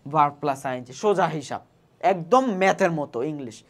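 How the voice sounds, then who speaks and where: A woman's voice: low voice, animated, moderate pace. A Bangladeshi woman with a Bengali accent tutoring students for an admission exam, explaining step by step and often checking they follow. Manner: explains step by step, often asks "ঠিক আছে?"; spells words out syllable by syllable. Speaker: admission test English tutor. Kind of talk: exam prep lesson.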